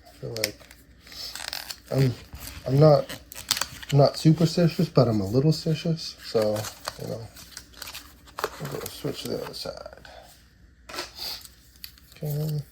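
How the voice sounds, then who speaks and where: Speaking slowly at medium pitch with a creaky voice and frequent pauses, this thirtysomething card collector chats loosely while cracking open booster packs. A cold leaves him sounding congested and nasal as he calls out card names between tangents. Shuffling cards and clicking sounds clutter the audio.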